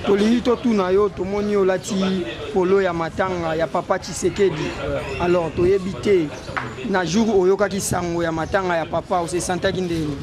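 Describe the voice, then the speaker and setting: A man's voice: high-pitched, steady tone, moderate pace, crowd noise. A man, a street reporter putting direct, leading questions to a passerby. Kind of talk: street interview, mixing French and Lingala. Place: outdoors on a city street. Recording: noisy street with passing traffic.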